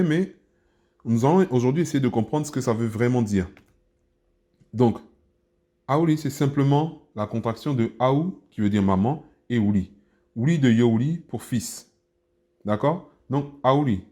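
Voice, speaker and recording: A man gives a spoken language lesson in a mellow, warm voice. He explains each word patiently and repeats it slowly so learners can follow. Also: mid-range voice. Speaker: language teacher.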